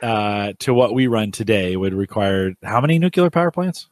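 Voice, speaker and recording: A man's voice: fairly low pitch, normal speed, dry recording, studio quality. A middle-aged man interviewing casually, with rambling questions that he keeps interrupting himself.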